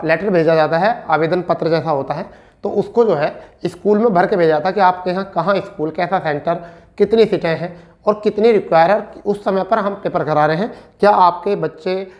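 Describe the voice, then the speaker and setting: Delivering exam updates in an informal online class, a high-pitched male teacher addresses his students with reassurance and clear instruction. He goes over the important points more than once to drive them home.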